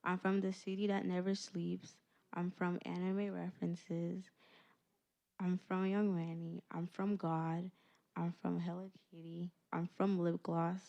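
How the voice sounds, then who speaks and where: A woman reading a spoken word poem at a school board meeting, slow and measured. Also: on the low side, flat delivery, gravelly, dark tone, highs cut off. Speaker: student poet.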